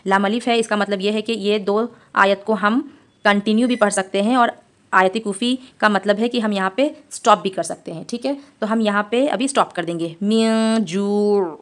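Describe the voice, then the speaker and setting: A woman teacher giving a careful recitation lesson in a medium-pitched voice. She explains each rule step by step and patiently repeats the sounds for her students. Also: fairly bright tone. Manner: patient, explains each mark then models the sound slowly.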